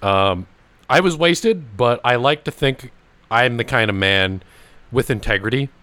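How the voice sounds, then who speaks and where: A young podcast host tells a rambling, animated story in a casual chat, swearing often and laughing along the way. His voice is medium-pitched and measured in pace, recorded with no echo.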